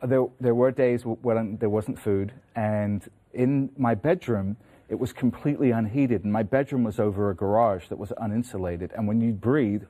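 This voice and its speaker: A man with a lowish voice gives interview answers, agreeing readily and restarting his sentences here and there. His tone is mellow and soft-edged. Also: steady tone, normal speed. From London, England. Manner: agreeable, brief affirmations, some stammering restarts. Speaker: interview guest, newsletter editor.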